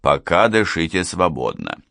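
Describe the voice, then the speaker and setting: Man voicing a gruff, menacing police colonel. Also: low-pitched, wildly swooping pitch, a little slow, pushed and bright, no echo, clean studio sound, exaggerated voice. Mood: stern. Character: blunt stern middle-aged male police colonel.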